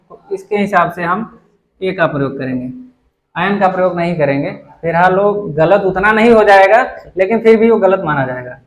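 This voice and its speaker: A man with a high-pitched voice gives a grammar lesson. He explains each rule step by step, asks a question and then answers it himself. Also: low-quality recording. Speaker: English grammar teacher.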